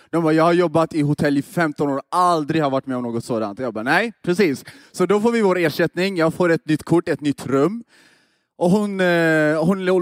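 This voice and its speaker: Young man, sermon, lively storyteller, slightly high voice, dry close sound. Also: no room sound. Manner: lively storytelling, asks the audience "eller hur?". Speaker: preacher.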